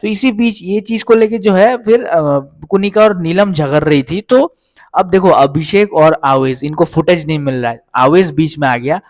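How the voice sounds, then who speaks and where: A man recapping reality show events in casual, rambling speech, often pausing to check in with his listeners. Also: on the high side, no room sound, studio quality. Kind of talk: casual spoken episode recap.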